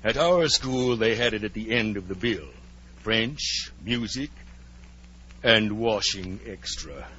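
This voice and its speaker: A man playing a melancholy, nostalgic old turtle creature in a 1940s radio drama, with earnest, drawn-out pomposity. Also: fairly low pitch, expressive, pushed and bright, a little hiss or hum, exaggerated voice. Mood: mournful nostalgia. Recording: dull, lo-fi 1940s radio recording.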